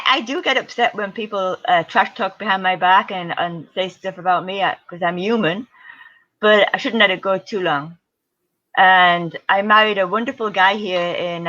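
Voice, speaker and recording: A woman's voice: mid-range voice, sharp tone. A middle-aged woman speaking in a casual interview as a guest, upbeat and earnest, with the odd um. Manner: upbeat and earnest, with a few ums. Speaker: interview guest, ultra-distance triathlete. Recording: dull lo-fi sound.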